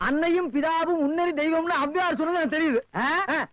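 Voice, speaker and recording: Cheeky beggar, comic, high-pitched, rapid, dry. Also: male voice, fairly even intonation, muffled recording, heavy background noise. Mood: bantering. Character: cheeky street-smart comic beggar man. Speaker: comic actor in a film scene.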